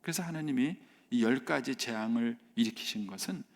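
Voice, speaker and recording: A male pastor preaching at a dawn church service, animated and acting out the voices he quotes, now and then dropping to a near whisper. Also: mid-range voice, brisk, gravelly. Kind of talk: sermon at a dawn worship service. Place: church sanctuary.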